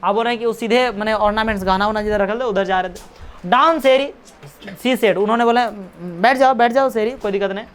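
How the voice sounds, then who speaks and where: Casual teacher explaining a story. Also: male voice, sits high, steady tone, clean tone. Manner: casual Hindi-English mix, reads English lines slowly and haltingly; chatty, jokes and scolds the class. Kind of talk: classroom lesson explaining an English story.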